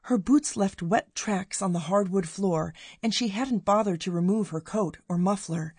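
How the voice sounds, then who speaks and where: A woman narrating a Christmas story slowly and expressively. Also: mid-range voice, a little mellow, husky, no room sound. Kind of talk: Christmas story read aloud.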